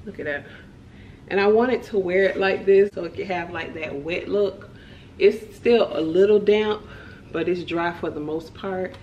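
A woman's voice: lowish voice, unhurried, highs cut off, slight background noise. A young adult woman vlogging at home, chatting enthusiastically to her viewers as she shows off a wig. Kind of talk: casual product review vlog. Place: home kitchen and living room.

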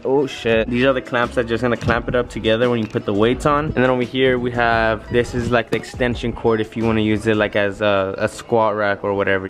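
Laid-back young man vlogging on a patio. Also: mid-range voice. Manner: laid-back, rambling, chatty. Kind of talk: casual product review vlog. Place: outdoor covered patio.

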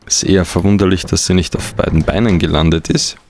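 Deep, creaky-voiced man commentating. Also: fairly even intonation, brisk, a little mellow, slight background noise. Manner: hesitant, dryly ironic. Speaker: let's player. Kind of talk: casual game commentary.

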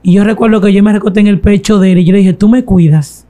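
Woman guest, confessional testimony, unhurried, mellow tone. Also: medium pitch, level tone. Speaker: guest telling her testimony. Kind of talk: testimony interview.

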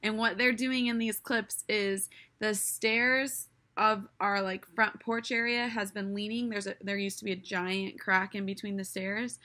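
Bright-voiced woman explaining in voice-over. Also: mid-range voice, level tone, measured pace. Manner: casual, explanatory, filler-heavy. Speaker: vlog host. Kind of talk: voice-over narration.

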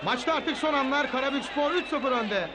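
A man giving excited football match commentary in a shouting, screaming delivery. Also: extremely high pitch, fairly quick. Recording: loud crowd noise behind commentary. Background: stadium crowd.

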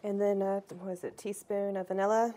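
A woman in her thirties casually talking through a recipe in her home kitchen, relaxed and chatty, picked up by a camera across the room. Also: medium pitch, fairly quick. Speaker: home cooking vlogger. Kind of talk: casual cooking demonstration.

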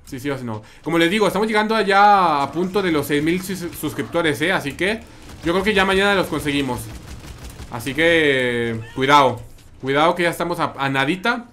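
Male streamer, Mexican accent, raised pitch, casual chatty game commentary. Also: expressive, brisk, pushed and bright. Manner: chatty, repeats phrases, reads and answers chat. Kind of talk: live gameplay commentary.

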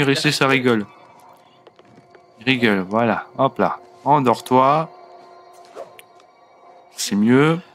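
A young man hosts a let's play, giving casual gameplay commentary and chatting to his game characters as he plays. His voice is medium-pitched and a bit bright, with faint game music in the background.

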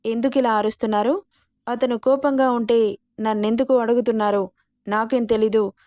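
A woman voicing a defiant young wife who speaks in a sharp, accusing way in a storybook reading. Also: a little high, steady tone, moderate pace, no room sound, clean studio sound, natural voice. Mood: bitter, accusing. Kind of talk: storybook narration.

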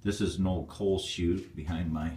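Homeowner, male, very low voice, plainspoken, rambling tour, echoey basement. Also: steady tone, moderate pace, warm tone, slight background noise. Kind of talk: casual walkthrough narration. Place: dark stone basement, indoors. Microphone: handheld phone camera.

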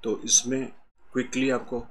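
A man with an Indian accent teaching harmonica in a calm, explaining way, his voice a bit heavy from a cold, singing out note names between explanations. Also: medium pitch, moderate pace, slight background noise. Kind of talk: harmonica tutorial.

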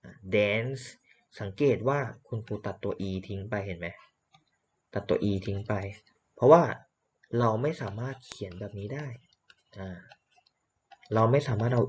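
A man's voice: lowish voice, a little slow, husky. A man teaching English vocabulary, repeating words for drilling and explaining patiently. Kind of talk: slow classroom lesson.

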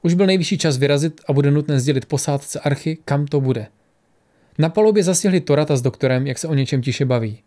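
Man narrating an audiobook steadily. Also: a little high. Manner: steady, even storytelling. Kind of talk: scripted narration.

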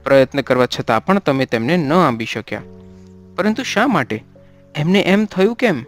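Audiobook role: man doing a stern, composed holy man, measured counsel, mid pitch, faint music bed. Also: natural voice. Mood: admonishing. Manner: steady admonishing, then gentle.

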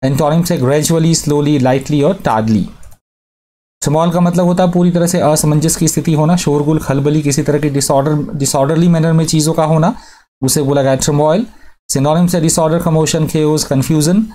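A man's voice: a little high, steady tone, moderate pace, mellow. A man teaching English vocabulary, listing meanings, synonyms and antonyms methodically. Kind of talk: vocabulary lesson.

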